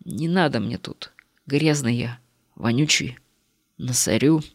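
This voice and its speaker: A woman's voice: very deep voice, takes it slowly, no room sound, clean studio sound, pitched below the performer's own voice, exaggerated voice. A woman voicing a meek, wary old male beggar who mumbles and hurries his words. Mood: timid.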